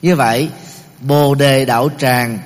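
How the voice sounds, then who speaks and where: A middle-aged man giving a Buddhist teaching talk, explaining terms step by step, pausing often and using many fillers. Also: mid-range voice, fairly even intonation. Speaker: Buddhist lecturer. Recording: long reverb of a large hall.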